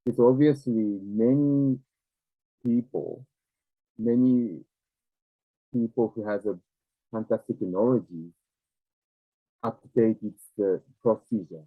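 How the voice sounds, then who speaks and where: Slow-talking Japanese-accented man, tinny echoey line. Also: mid-range voice. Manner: halting, searching for words in non-native English. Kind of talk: reflective conversational explanation. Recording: tinny, narrow phone-like, echoey room.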